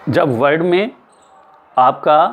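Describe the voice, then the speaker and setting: A male teacher giving an explanatory lesson, spelling words out letter by letter and repeating them slowly. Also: fairly high pitch, narrow, tinny audio, a little hiss or hum. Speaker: English teacher.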